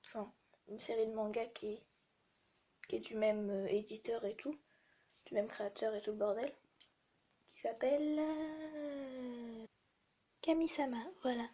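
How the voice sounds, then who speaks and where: A teenage girl with a hoarse voice, chatting casually and rambling with many fillers as she shows her collection. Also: a little high, fairly even intonation, a little slow, pauses often. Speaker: vlogger. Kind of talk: casual chat. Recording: loud background music.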